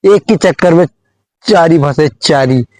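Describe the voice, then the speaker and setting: A man's voice: a little high, a little slow, a little mellow, dry recording, poor audio. A young man telling a school story on a phone in a casual comic vlog, rambling with many fillers and repeated phrases. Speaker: vlogger.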